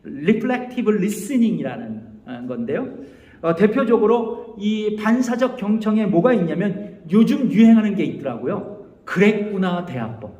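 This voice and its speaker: A male pastor preaching an animated sermon in a church and leading the congregation to repeat phrases. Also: high voice, measured pace, highs cut off. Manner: animated, leads the congregation in call-and-response. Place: church sanctuary. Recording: echoey church hall.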